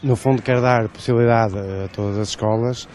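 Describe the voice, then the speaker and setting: A man, a company representative explaining a project in an interview, deliberate with fillers. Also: mid-range voice, steady tone, darkish tone, slight background noise. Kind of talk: interview soundbite.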